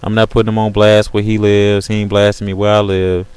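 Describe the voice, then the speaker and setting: A man with a low, smooth voice hosts a casual chat on a webcam call, speaking in slang a little fast. His delivery stays fairly flat and even, and he keeps repeating "you know what I'm saying."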